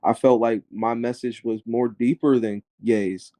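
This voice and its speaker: A man, a rapper being interviewed, telling his story in animated casual talk, full of filler words. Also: mid-range voice, a little slow, no echo.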